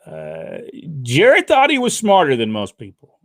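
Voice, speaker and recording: A man's voice: on the high side, huge pitch swings, measured pace, gravelly. An older man with a drawl spins rambling, folksy stories, leaning on plenty of "uh"s as he goes. His voice is captured up close and dry, with no room echo at all. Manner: folksy storytelling with frequent uh fillers. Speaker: podcast host reading viewer questions. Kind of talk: casual chat.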